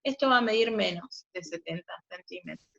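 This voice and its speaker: Brisk and expressive, this woman's lowish voice is gravelly with a bit of brightness. She teaches a physics class by video call, walking through each step and checking in often with the students, and the sound is muffled with some faint noise.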